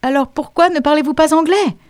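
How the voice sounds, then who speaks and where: A woman voicing a flustered English lady who speaks halting, broken French in an audiobook reading. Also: high voice, a little mellow, no echo, clean studio sound, pitched above the performer's own voice, lightly acted.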